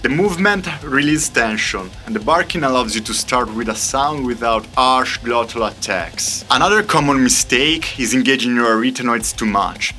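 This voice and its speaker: A man's voice: medium pitch, moderate pace, hardly any pauses, pushed and bright, soft background music. A man presenting a scripted tutorial as an upbeat vocal coach, explaining things step by step. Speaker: extreme vocal coach and singer.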